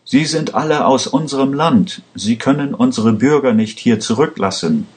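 A man's voice: medium pitch, moderate pace, voice pushed up, natural voice. A man voicing a determined man who insists on saving others in an audiobook. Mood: insistent. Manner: insistent, shouting. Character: determined man shouting in a crisis.

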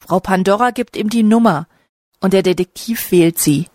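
A woman narrating a short story slowly and carefully, for language learners. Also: mid-range voice, darkish tone, dry recording, studio quality.

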